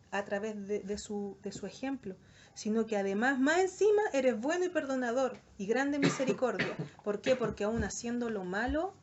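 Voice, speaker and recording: A young woman with a Chilean accent giving an earnest, animated devotional talk to a youth group, acting out the voices she quotes. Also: fairly high pitch. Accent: Chilean Spanish. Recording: dull lo-fi recording, faint noise.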